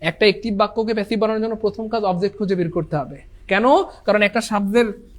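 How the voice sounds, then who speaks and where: A man's voice: sits high, fast talker. A tired man teaching an online English exam-prep class, repeating key points emphatically and calling his students brothers and sisters. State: tired after a long class.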